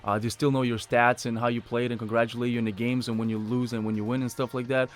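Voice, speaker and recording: A young Lithuanian basketball player talks casually in a radio interview, speaking quickly in a mid-range voice with little pitch movement. He sounds hesitant, stumbling, restarting often, and using many fillers.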